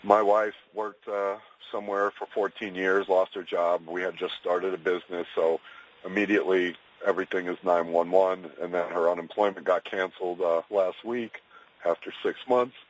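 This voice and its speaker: A middle-aged man with a husky, rough voice, speaking personally as a caller to a radio show. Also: low voice, level tone, moderate pace, slight background noise, low-quality recording. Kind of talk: personal confession on a call-in. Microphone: phone.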